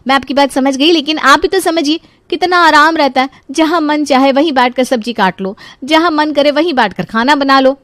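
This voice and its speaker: Woman putting on cartoon young bride, chirpy, breezy, high voice, dry. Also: normal speed, hardly any pauses, a bit bright, dry recording. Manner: breezy, chirpy, brushes off scolding. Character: cheerful carefree young woman, new daughter-in-law.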